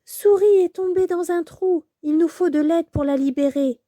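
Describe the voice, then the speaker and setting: Woman doing a gentle little squirrel girl. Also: very high voice, normal speed, no room sound, clean studio sound, voice pushed up. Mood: earnest. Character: sweet young female squirrel, gentle and loyal.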